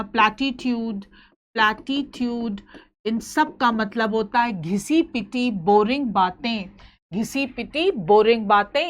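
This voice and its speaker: Slow, high-voiced woman teaching. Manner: slow and deliberate, repeating each word. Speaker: English teacher. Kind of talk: vocabulary lesson.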